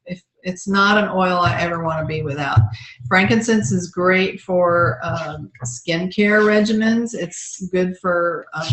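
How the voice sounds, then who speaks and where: A woman presenting essential oil products in a casual, chatty walkthrough, with many ums and uhs. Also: on the low side. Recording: roomy echo.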